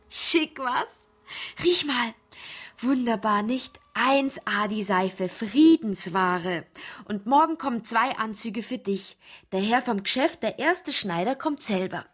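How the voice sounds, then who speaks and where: An actress playing an eager, naive young woman in a radio drama, breathy and chatty. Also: on the high side.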